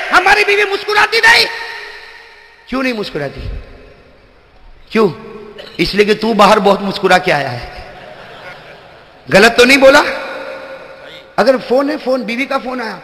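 A man preaching a sermon, shouting points and questioning the crowd. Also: extremely high pitch, big pitch swings, pauses often. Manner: shouting emphatic, quizzes the crowd. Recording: long hall reverb.

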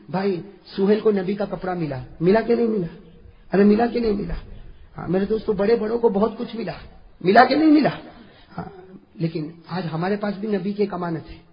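A male preacher telling a story in a sermon, impassioned, rising to shouts and asking the audience rhetorical questions. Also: sits high. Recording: dull lo-fi recording.

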